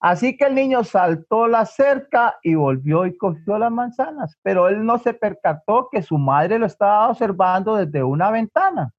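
A man's voice: high-pitched, animated, moderate pace, hardly any pauses. A male preacher telling a story in an earnest sermon, often turning to address the brethren, in a church. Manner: earnest, repeatedly addresses the brethren, dramatic drops in volume. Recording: dull lo-fi recording.

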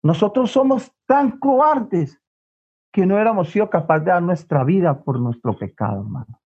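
A man preaches in a high, earnest voice and often calls out to his congregation. His volume drops sharply for emphasis. The sound is dull and lo-fi, like an old church recording. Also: lively intonation, moderate pace, darkish tone, husky. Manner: earnest, repeatedly addresses the brethren, dramatic drops in volume. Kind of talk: sermon storytelling.

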